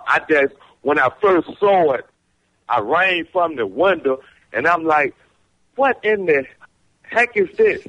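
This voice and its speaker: A man's voice: a little high, a bit bright. Man on a breaking-up phone call. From Richmond, Virginia. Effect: breaking-up, glitchy phone-call audio. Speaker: caller.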